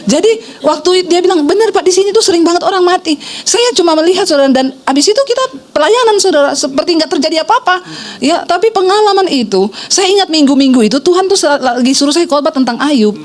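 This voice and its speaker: A middle-aged woman pastor preaching a sermon, telling a story in a lively way and acting out the people she quotes. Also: high voice, brisk. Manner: animated storytelling, acts out quoted voices.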